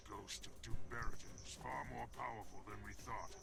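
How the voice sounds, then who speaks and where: A gravelly soldier in a game. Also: male voice, on the low side, steady tone, fairly quick. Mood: urgent. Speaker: game character. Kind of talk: game cutscene dialogue. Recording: quiet game audio with loud noise, far off.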